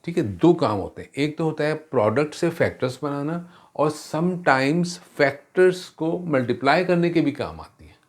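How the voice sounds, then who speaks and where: A man's voice: on the high side, animated, moderate pace. A man teaching a math lesson, mixing in English terms, explaining step by step and asking rhetorical questions. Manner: self-correcting, asks rhetorical questions.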